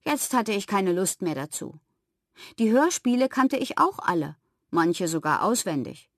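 Woman, audiobook reader, children's story, first person, expressive, very lively pitch, dry close sound. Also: a little slow, no room sound.

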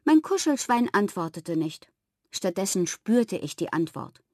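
Woman, audiobook reader, children's story, first person, expressive, very lively pitch, dry close sound. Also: measured pace, no echo.

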